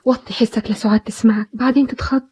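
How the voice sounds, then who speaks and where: An actress playing a kind young teacher who pleads gently, with an Egyptian Arabic accent, in an old film drama. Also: female voice, a little high, steady tone, fast talker, slightly rough. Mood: pleading. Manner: pleading, soothing.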